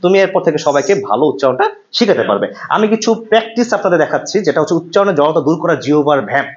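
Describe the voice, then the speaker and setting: A man from Bangladesh teaching pronunciation in a classroom, drilling sounds aloud with repetition and quick quiz questions. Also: fairly high pitch, sing-song. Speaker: pronunciation instructor. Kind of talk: classroom lesson. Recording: slightly muffled classroom recording.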